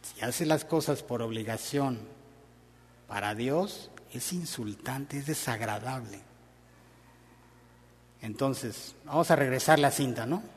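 A man's voice: mid-range voice, takes it slowly, pauses often, breathy edge, big-room sound. A man preaching a sermon in a conversational, storytelling way.

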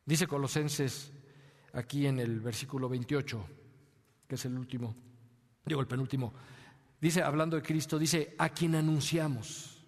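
A man with a Mexican accent preaching a sermon, asking rhetorical questions and sometimes dropping to a soft, low voice. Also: fairly even intonation, normal speed, pauses often. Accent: Mexican Spanish. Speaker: pastor. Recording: long hall reverb.

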